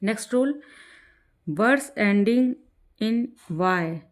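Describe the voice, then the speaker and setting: Woman teacher, higher-pitched, patient grammar lesson, slows down to read rules. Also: lively intonation. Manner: explains in Hindi, slows down to read English rules aloud; repeats "ठीक है" to check in with learners. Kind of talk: exam-prep grammar lesson.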